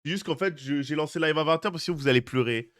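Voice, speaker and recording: His voice is a little high, fairly bright, and racing along. The young man streams live, chatting casually with his audience, greeting people in chat by name and teasing them with jokey asides.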